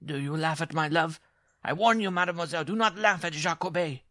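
A man voicing a proud, touchy, lovestruck circus dwarf in a story, with a shrill voice and florid, pompous speech. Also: quick pace, pushed and bright, no room sound, studio quality. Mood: menacing.

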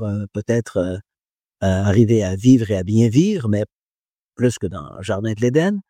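A man's mellow, mid-range voice carries a reflective talk to an audience about faith and philosophy, marked by frequent hesitation, many fillers and self-deprecating jokes. It is a dry recording.

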